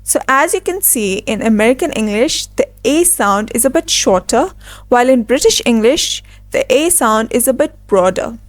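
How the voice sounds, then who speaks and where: Woman, English teacher, scripted lesson, slightly high voice, deliberate model words, dry close sound. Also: expressive, no room sound, soft background music. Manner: slow, deliberate model pronunciations.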